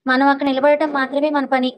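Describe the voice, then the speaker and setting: A woman's voice: sits high, flat delivery, quick pace, natural voice, poor audio. A woman voicing an eager, talkative young man who hides a scheme, in a spoken story.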